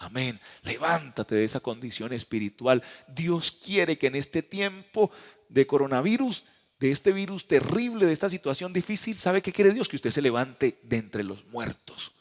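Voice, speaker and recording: A man with a Colombian accent, a pastor preaching a sermon on a handheld microphone, his pitch swinging up and down with dramatic pauses. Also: animated, in a large hall. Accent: Colombian Spanish.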